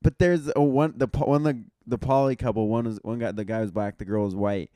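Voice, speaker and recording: Smooth-voiced young comedian telling stories. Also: male voice, medium pitch, fairly quick, no echo, clean studio sound. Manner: storytelling, animated, swears freely. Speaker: podcast co-host and comedian. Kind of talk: casual chat.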